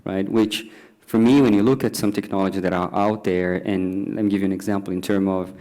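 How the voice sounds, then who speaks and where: A man's voice: low voice, fairly even intonation, a little fast, a little mellow. A man speaking on a panel discussion, hesitant, with many fillers and restarts.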